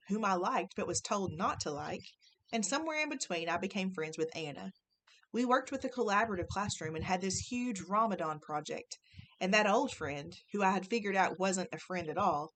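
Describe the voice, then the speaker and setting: A woman teacher reading a children's novel aloud to her class, gentle and expressive. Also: medium pitch, moderate pace, low-quality recording.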